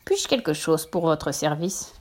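A woman voicing a pompous male toad who speaks slowly and ceremoniously. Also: sing-song, darkish tone, heavily acted. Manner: slow, low, ceremonious.

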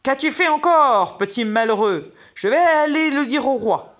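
Old storybook gardener, male, harsh, jealous, loud scolder; woman reads him. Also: high-pitched, animated, normal speed, voice pushed up. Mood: angry.

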